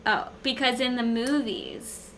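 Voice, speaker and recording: A woman chats casually, dropping wry, teasing comments and quick reactions. Her voice sits a little high. There is a faint hiss in the recording. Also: a bit bright. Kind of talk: casual chat.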